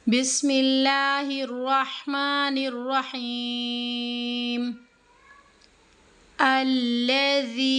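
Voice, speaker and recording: A woman's voice: on the high side, fairly bright tone. A woman giving an online tajweed lesson, patiently explaining pronunciation step by step and drawing out each syllable as she recites. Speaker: online Quran teacher.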